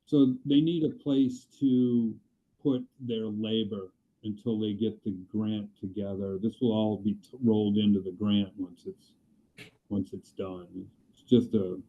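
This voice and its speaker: A man's voice: lowish voice, flat delivery, measured pace. Muffled man on a tinny remote call. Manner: plain, matter-of-fact explaining with hesitations. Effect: muffled, underwater-sounding remote call audio. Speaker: airport staff reporting to a county commission. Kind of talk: meeting business talk. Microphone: computer on a remote call.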